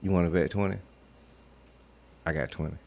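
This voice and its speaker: A man's voice: low-pitched, steady tone, moderate pace, vocal fry, very noisy. A man talking sports in a casual, slangy debate, argumentative and repeating himself to make his point. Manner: slangy, informal. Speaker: sports talk co-host.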